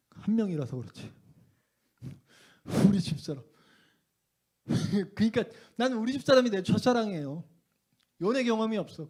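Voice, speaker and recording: A middle-aged male preacher with a high-pitched voice delivers a revival sermon in a church. He tells a personal story with fervor. His voice swings from loud outbursts down to near-whispers. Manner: impassioned storytelling, swinging between shouts and hushed tones. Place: church sanctuary.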